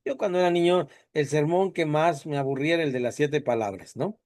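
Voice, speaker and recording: A man's voice: a little high, fairly quick, a little mellow, no room sound, studio quality. Chatty man teaching a class. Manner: conversational, asks the class rhetorical questions.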